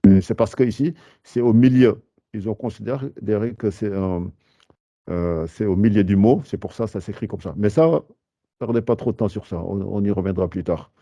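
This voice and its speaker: A man explaining a beginner's lesson in a patient, halting way, with frequent fillers and restarts. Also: on the low side, warm tone, dry recording, studio quality. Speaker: Arabic teacher.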